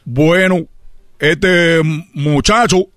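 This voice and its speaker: A man telling a comic story on a radio show, animated and playful. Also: on the high side, extremely slow, dry recording, studio quality.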